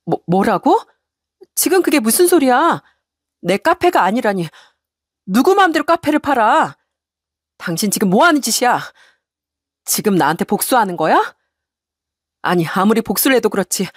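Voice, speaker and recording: A woman voicing a frantic young wife who turns from shrill indignation to desperate pleading. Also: sing-song, moderate pace, pauses often, slightly rough, no echo, studio quality. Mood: frantic, indignant. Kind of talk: story radio reading.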